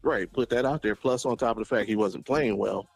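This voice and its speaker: A man's voice: medium pitch, a little fast, vocal fry, husky, no echo, soft background music. A man as a caller on a sports talk show, debating insistently and repeating his phrases as he pushes back.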